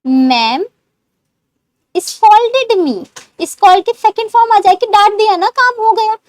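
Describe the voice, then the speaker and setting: A woman teaching English words, explaining in Hindi and modelling slow English sentences for learners to repeat. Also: very high voice, animated, darkish tone, no room sound. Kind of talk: spoken English lesson.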